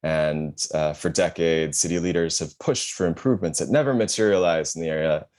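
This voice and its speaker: Very deep-voiced wry male podcast host. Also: fairly quick, darkish tone. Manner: wry, reads press quotes with asides. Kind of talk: casual podcast chat.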